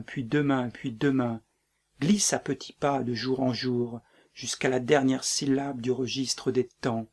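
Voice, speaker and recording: A man reading the part of a doomed tyrant king in a dramatic play reading, brooding and breaking into shouts. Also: mid-range voice. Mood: despairing.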